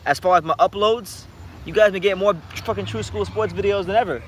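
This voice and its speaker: A man in his twenties hosting a boxing channel, chatting late at night and answering viewer comments in an animated, rambling way with many restarts. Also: sits high, fairly quick, a little hiss or hum. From United States. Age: 20s. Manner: animated, rambling, frequent repeated starts. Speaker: YouTube boxing channel host.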